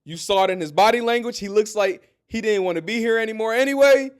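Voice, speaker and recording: A man with a high, bright-toned speaking voice hosts his own sports show. He talks casually and animatedly, addressing listeners directly and drifting into story time. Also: quick pace, clear, resonant tone. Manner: animated, talks straight to listeners, tells stories. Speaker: sports podcast host.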